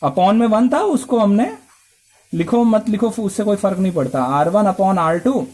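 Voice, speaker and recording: A man's voice: high voice, animated, measured pace, a little mellow. A male math teacher lecturing a class, explaining step by step and asking and answering his own questions.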